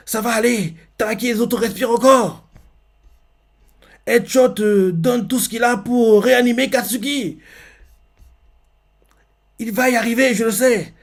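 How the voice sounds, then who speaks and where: A man voicing an earnest young male hero who shouts urgent encouragement to a friend. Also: extremely high pitch, creaky, pitched above the performer's own voice, heavily acted. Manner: raised, urgent and reassuring.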